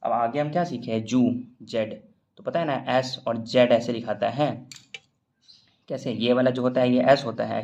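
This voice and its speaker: A man's voice: medium pitch, highs cut off. A man teaching a shorthand lesson in casual classroom style, explaining step by step and quizzing his students.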